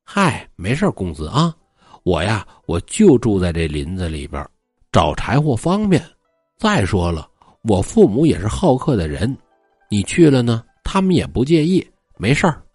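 A man voicing a playful, coaxing young forest maiden who may be a ghost, in a husky voice. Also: on the low side, huge pitch swings, moderate pace, a little mellow, no echo, studio quality, faint music behind, pitched below the performer's own voice, exaggerated voice. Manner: playful, coaxing, mock-spooky.

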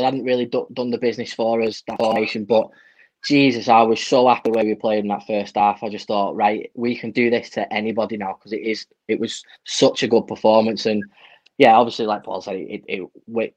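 A man's voice: medium pitch, a little mellow. A British man co-hosting a podcast, talking informally and effusively like a football fan. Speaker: podcast co-host. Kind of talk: casual fan chat. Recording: dull lo-fi microphone sound.

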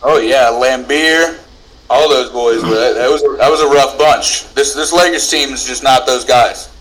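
Halting man in casual sports chat. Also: medium pitch, fairly bright tone, poor audio. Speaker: sports podcast panelist.

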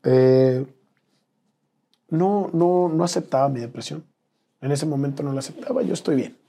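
A man from Mexico, an interview guest telling an emotional personal story in an earnest, slangy way, dropping to a hush at painful moments. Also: a little high, unhurried.

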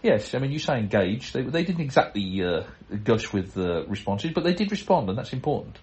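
A man's voice: mid-range voice, sing-song, fairly quick, darkish tone. A middle-aged man hosting a podcast, reading listener letters aloud in a chatty way, breaking off with chuckles and self-deprecating asides. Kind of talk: casual chat and letter reading.

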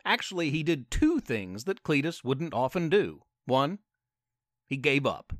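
Man, storyteller, playful narration, lively swooping pitch, higher voice, dry close sound. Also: unhurried, no echo. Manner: animated, playful asides.

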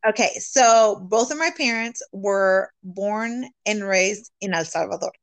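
A woman's voice: medium pitch, unhurried, no echo. Earnest woman guest, code-switching freely. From California. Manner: switches between English and Spanish, earnest, laughs often. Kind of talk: casual bilingual interview chat.

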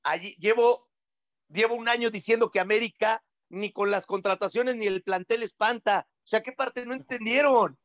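Male pundit, very high voice, insistent and repetitive, dull lo-fi studio audio. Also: moderate pace, fairly bright tone. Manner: insistent, repeats phrases. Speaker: sports pundit. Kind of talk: heated studio debate.

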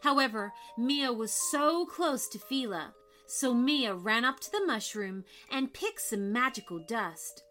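A woman narrating a scripted children's story in an expressive, dramatic way. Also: on the high side, measured pace. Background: background music.

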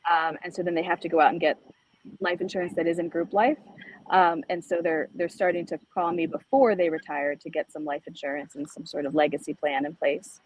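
A woman's voice: lowish voice, steady tone, fairly quick, poor audio. A middle-aged woman from El Salvador, an insurance agent, chatting as a radio guest with many ums and restarts. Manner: conversational with frequent fillers and restarts. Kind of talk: casual radio interview. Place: high school.

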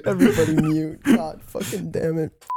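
A man's voice: fairly high pitch, normal speed, heavy background noise. A man doing casual banter and comic line readings with friends, exasperated and profane.

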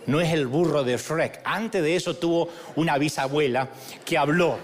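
A man's voice: fairly high pitch, moderate pace, slight background noise. A man preaching a sermon in a humorous, storytelling way, acting out the voices of the people in his stories.

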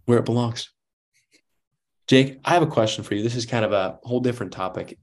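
A man hosting a casual podcast chat, talking in an animated, joking way with quick asides. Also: mid-range voice. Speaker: podcast host.

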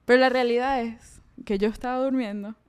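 A woman co-hosting a podcast in casual chat, telling stories in a wry, measured way with English phrases mixed in. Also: fairly high pitch, steady tone, a little mellow, clean tone. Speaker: podcast co-host.

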